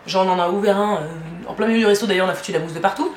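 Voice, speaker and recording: A woman's voice: medium pitch, racing. Chatty giggly young woman vlogger. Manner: chatty, giggly, rambling with many fillers. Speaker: beauty vlogger. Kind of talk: casual haul chat. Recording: echoey room with faint noise.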